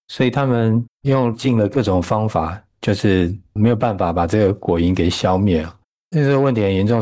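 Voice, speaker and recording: Low-voiced man telling a story. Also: darkish tone, no echo, clean studio sound. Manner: storytelling, with hesitant fillers. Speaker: church small group leader, guest. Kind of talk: telling a story on a radio talk show.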